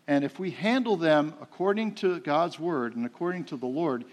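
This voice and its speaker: A middle-aged man preaching a sermon, telling a family story in a folksy way, with frequent fillers and swings between loud and soft. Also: on the high side, normal speed.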